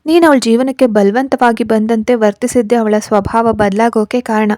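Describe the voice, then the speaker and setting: A woman's voice: fairly high pitch, steady tone, moderate pace, darkish tone, no room sound, natural voice. A woman voicing a stern male friend who gives firm advice, in a storybook reading. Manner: stern, advising.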